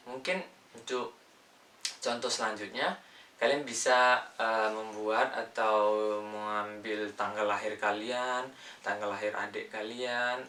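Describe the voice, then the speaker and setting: A man from Indonesia teaching an English lesson, saying words slowly one by one and mixing in English terms. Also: on the low side, bright, forceful tone, reverberant, distant mic, slight background noise. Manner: slow, drawn-out word-by-word pronunciation drills. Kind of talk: casual spoken lesson.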